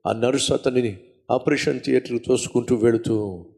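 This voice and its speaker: A man's voice: medium pitch, normal speed, vocal fry, a little mellow. A man preaching a sermon, telling a story with emphatic repetition and direct questions to the congregation. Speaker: pastor.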